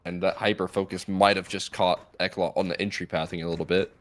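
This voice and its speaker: A man giving live esports commentary and analysis as a co-caster, with animated, dramatic phrasing. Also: low voice, brisk.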